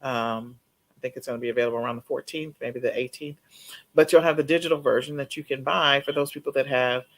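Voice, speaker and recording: A man co-hosting a casual live stream, talking in a relaxed way with pauses and fillers. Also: medium pitch. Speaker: co-host of a live seller stream.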